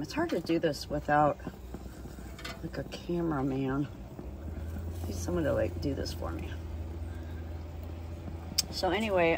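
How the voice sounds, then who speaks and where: A woman's voice: sits low, noisy background. A woman talking casually while grilling outdoors, filming on her phone with rambling asides. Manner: chatty, unhurried, rambling asides. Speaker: home cook filming herself. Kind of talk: casual cooking vlog. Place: outdoor deck by a lake. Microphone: phone held in hand.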